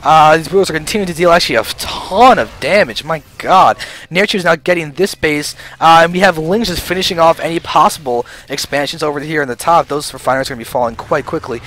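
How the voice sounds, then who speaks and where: A man casting a strategy video game match alone, a mostly flat play-by-play with frequent fillers and sudden jumps in excitement. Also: on the high side, quick pace. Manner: self-described monotone even when excited; frequent fillers and restarts, swings between flat and hyped. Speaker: esports caster. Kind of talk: solo play-by-play game commentary.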